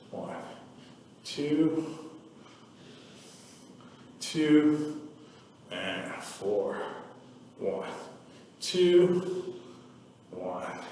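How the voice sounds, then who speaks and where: Slow calm guy coaching a stretch workout, counting reps, far from the mic in a super echoey room. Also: medium pitch, slight background noise. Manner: calm, counts reps aloud, joking asides. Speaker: fitness instructor. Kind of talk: guided workout instruction.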